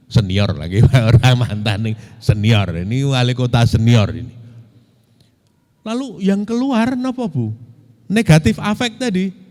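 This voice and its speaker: A middle-aged man preaching a storytelling sermon, addressing his audience directly. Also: on the low side. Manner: animated anecdotes, addresses audience as Pak and Bu. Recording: lecture hall reverb.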